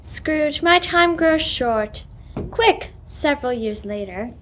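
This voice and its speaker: A woman playing a solemn, gently commanding ghost in a radio play, speaking in a measured, formal way. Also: high voice, lively intonation, a little hiss or hum, exaggerated voice. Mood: pressing. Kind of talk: old-time radio play acting. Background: music.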